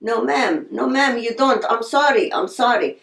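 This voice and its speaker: A woman's voice: a little high, animated, moderate pace, creaky, fairly bright tone, reverberant, poor audio. An older woman from Palestine, telling her story passionately in an oral history interview.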